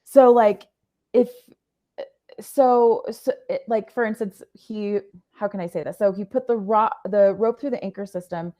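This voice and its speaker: A woman's voice: mid-range voice, steady tone, mellow. Earnest woman who rephrases as she goes. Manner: earnest, halting, often stops to rephrase. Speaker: podcast guest. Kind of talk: telling a personal story in conversation.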